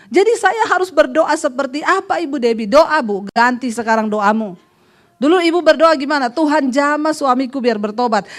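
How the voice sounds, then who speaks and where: Middle-aged woman preacher, high voice, animated storyteller who acts out characters. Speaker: pastor. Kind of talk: sermon.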